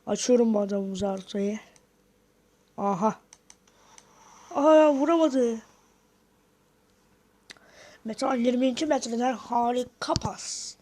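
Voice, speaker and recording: A woman's voice: on the high side, a little slow, pauses often, mellow. A woman giving casual gameplay commentary, talking to viewers and muttering reactions as she plays. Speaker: gaming video host.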